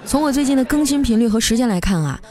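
A young woman hosts a podcast, telling funny everyday stories in a fast, expressive, fairly high voice. She's playful and laughs a lot, acting out the voices of family members she quotes. Music plays under her voice, and there's some background noise.

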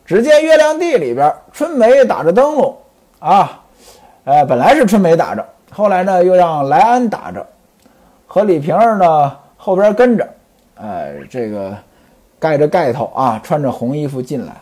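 A man's voice: a little high, big pitch swings, normal speed, a little mellow. A man telling a classical novel as a storyteller, chatty, with explaining asides.

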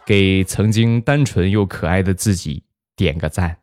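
A man narrating funny stories in a wry, deadpan way. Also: deep voice, unhurried, over loud music. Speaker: comic storyteller. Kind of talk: scripted comic narration.

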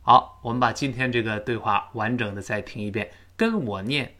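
A man who is a native Chinese speaker, teaching English pronunciation, explaining sounds in detail and slowing way down on model sentences for students to repeat. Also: medium pitch, sharp tone. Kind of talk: spoken English lesson with repeat-after-me drills.

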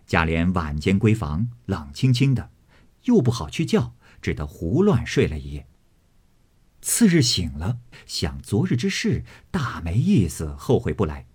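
A man narrating a classic novel as an audiobook in an expressive storytelling manner. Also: deep voice, a little slow, husky.

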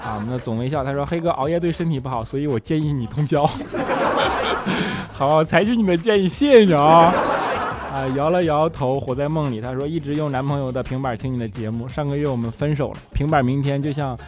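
A man's voice: fairly high pitch, brisk. A man hosting a casual show, reading listener comments and answering with teasing jokes and frequent laughter. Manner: jokey, laughs often, teasing replies. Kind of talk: casual chat. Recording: music playing behind.

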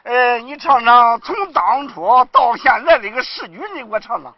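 Man doing a scolding beggar partner, lively pitch. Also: moderate pace. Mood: scheming. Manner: scolding, demanding. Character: grumbling male beggar partner, pushy and demanding. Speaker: comic actor. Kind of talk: comic sketch dialogue. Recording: dull lo-fi recording.

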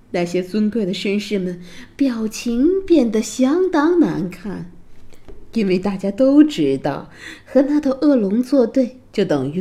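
Slow, expressive woman storyteller. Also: mid-range voice. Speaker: children's storyteller. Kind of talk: storybook narration.

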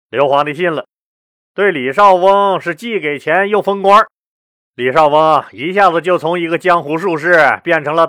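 A man's voice: on the high side, fairly bright tone, dry recording, clean studio sound. A man hosting a storytelling podcast, telling history in a chatty, colloquial way and asking the listener rhetorical questions.

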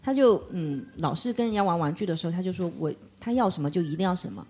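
一位三十多岁的女人在播客中闲聊，讲自己带孩子的经历，常模仿别人说话的语气。. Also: female voice, on the low side, quick pace. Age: 30s. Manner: animated storyteller acting out quoted dialogue. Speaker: podcast guest. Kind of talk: casual chat.

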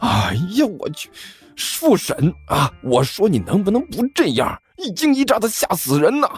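A man's voice: high voice, wildly swooping pitch, normal speed, breathy edge, faint music behind, pitched above the performer's own voice, full character voice. A man voicing a chubby, cheeky schoolboy who talks in a sly, teasing, sing-song way. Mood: bickering.

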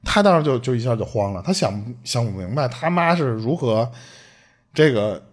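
A podcast host with a mid-range voice retells a listener's eerie story at a moderate pace in casual chat. He's animated, swears, and acts out the quoted lines.

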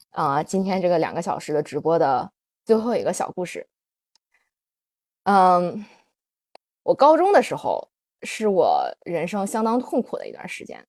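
A woman's voice: lowish voice, no echo, clean studio sound. A woman podcast host sharing a personal story on a livestream, candid and full of fillers. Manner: animated, confessional, many fillers.

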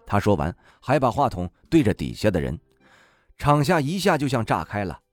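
Wry, low-voiced male audiobook narrator. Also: moderate pace, dry recording. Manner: wry, expressive storytelling. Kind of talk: first-person novel narration.

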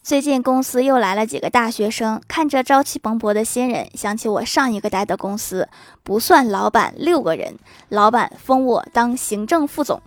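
A woman's voice: on the high side, normal speed, no echo. Dry-voiced woman telling jokes. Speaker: narrator of funny anecdotes. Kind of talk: reading funny anecdotes aloud.

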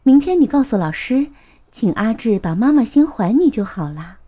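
A woman doing a soft, soothing mom. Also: a little high, sing-song, moderate pace, highs cut off. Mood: tender. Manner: soft, comforting. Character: gentle, soothing mother of a young child. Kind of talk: storybook reading.

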